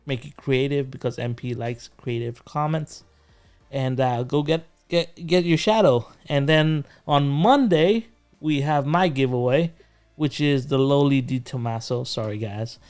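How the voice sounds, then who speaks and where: A man's voice: medium pitch, a little slow, a little mellow, smooth, faint music behind. A man hosting a casual livestream chat, rambling with plenty of fillers and restarts. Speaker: host.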